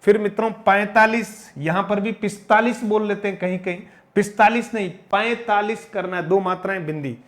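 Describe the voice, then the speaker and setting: A man's voice: high-pitched, fairly even intonation, a bit bright. A man teaching Hindi number words, repeating each one and correcting common mispronunciations. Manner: repeats and corrects each word, addressing viewers as friends; slow, emphatic drilling of pronunciation. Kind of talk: spoken grammar lesson.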